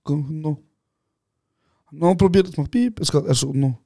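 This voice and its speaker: Aufgedrehter Schweizer, Anekdoten mit Bro. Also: male voice, fairly high pitch, a little slow, creaky, dry recording, studio quality. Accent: Swiss German. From Switzerland. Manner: excited anecdote telling, acting out other people with shouts, calls the other host "Bro". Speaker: podcast co-host. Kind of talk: casual chat, animated storytelling.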